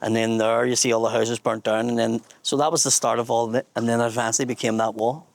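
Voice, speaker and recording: A man's voice: mid-range voice, level tone, fast, gravelly, no echo. A man with a Belfast accent leads a casual outdoor tour, holding a small handheld mic. He tells local history bluntly and swears freely. The sound is dry and close. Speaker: tour guide and comedian host. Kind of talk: casual guided tour chat. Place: outdoors at a memorial garden in a housing estate.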